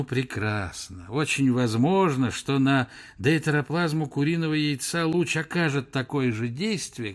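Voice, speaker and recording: A man's voice: medium pitch, lightly acted. A man voicing an irritable, fussy older male professor who talks in a testy, heated way.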